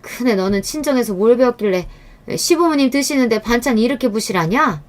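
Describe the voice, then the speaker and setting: A woman's voice: on the high side, expressive, fairly quick, voice pushed up, close to an everyday voice. A contemptuous older mother-in-law, put on by a woman reading the story, nags in a raised, scolding voice. Every line drips with scorn for her daughter-in-law. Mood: scolding, scornful.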